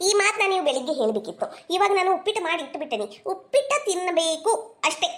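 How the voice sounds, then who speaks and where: A woman's voice: extremely high pitch, sing-song, fast talker. A woman with a North Karnataka Kannada accent acting out a village comedy sketch, bickering and scolding as several village women.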